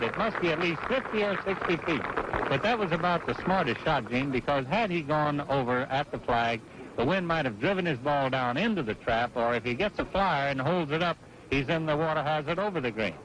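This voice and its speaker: A man giving golf commentary on a televised match in a folksy play-by-play manner. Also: a little high. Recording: noisy old broadcast audio.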